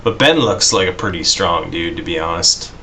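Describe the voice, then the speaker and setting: A man co-hosting a casual podcast chat, relaxed and quick to laugh, with a lot of "like" and "you know.". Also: low voice, slight background noise. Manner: laid-back, laughs often, says "like" and "you know". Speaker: podcast co-host.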